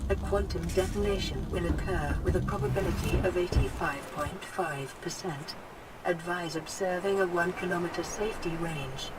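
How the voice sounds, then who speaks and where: A woman voicing a calm female AI suit computer, a gentle care robot with a synthetic voice that gives measured status announcements in a video game. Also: fairly low pitch. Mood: calm warning. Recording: game audio under loud hiss.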